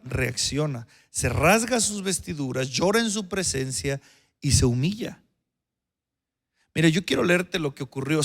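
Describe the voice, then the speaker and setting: A male pastor preaching a sermon, swinging between raised emphatic lines and low quiet ones, repeating phrases and putting questions to the congregation. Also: creaky.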